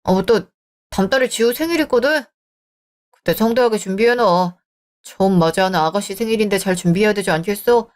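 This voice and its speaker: A woman's voice: mid-range voice, brisk, darkish tone, close to an everyday voice. A woman voicing a selfish, dismissive young married man in a radio drama, talking scornfully. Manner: scornful, bickering. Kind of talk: Korean radio drama acting.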